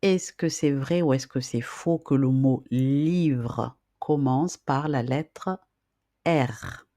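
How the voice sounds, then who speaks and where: Slow, patient reading teacher. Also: medium pitch, mellow, no echo, clean studio sound. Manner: drills syllables and repeats questions patiently; casual fillers between explanations. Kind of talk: slow, deliberate teaching for beginners.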